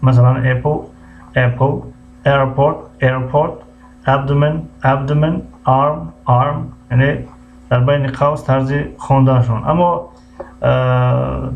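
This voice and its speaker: A man with a Tajik accent teaching English on a live stream, repeating each word slowly and greeting viewers by name. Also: medium pitch, creaky, darkish tone. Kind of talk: live-streamed language lesson. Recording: muffled lo-fi stream audio with faint hum.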